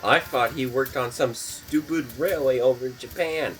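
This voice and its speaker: Man as a grumpy mid-pitched talking train. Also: normal speed, a bit bright, faint music behind, lightly acted, low-quality recording. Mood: grumbling.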